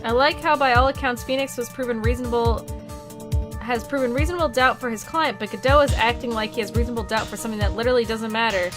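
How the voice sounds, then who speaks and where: A woman's voice: fairly high pitch, steady tone, fast. Sarcastic woman streamer swearing at a game. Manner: blunt, sarcastic, swears freely. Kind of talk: casual gameplay commentary. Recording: game music playing behind the voice.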